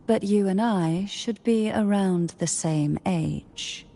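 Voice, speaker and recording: An actress voicing a composed, cool noblewoman in video game dialogue, measured and poised. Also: medium pitch, vocal fry, warm tone.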